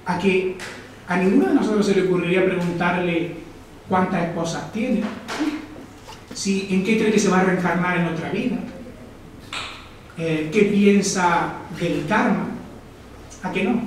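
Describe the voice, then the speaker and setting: A man's voice: high-pitched, measured pace, pauses often, a little hiss or hum. A man from Almería, giving a reflective live talk and often asking the audience questions. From Almería, Spain. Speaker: lecturer. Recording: echoey hall, distant mic.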